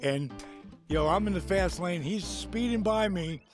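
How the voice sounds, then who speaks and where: A man and wrestler guest telling a road story in an interview, animated and laughing between lines. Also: high voice, normal speed. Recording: music bed over talk.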